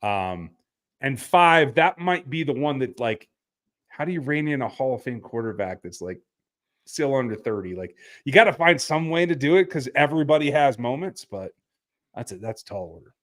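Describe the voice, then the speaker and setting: A man with a middle-pitched voice talks sports in a loose, blunt way, stopping and restarting with plenty of fillers. He sounds like a podcast host on a remote call. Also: expressive, normal speed, fairly bright tone. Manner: blunt, laid-back, frequent fillers and restarts. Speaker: podcast host reading listener texts. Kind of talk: casual sports talk.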